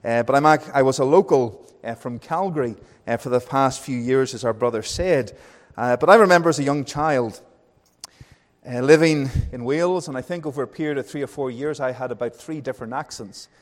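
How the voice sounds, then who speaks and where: Man, thirties, Northern Irish accent, pastor, sermon, friendly and unhurried, hesitant fillers, long hall reverb. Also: medium pitch. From Northern Ireland. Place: church hall.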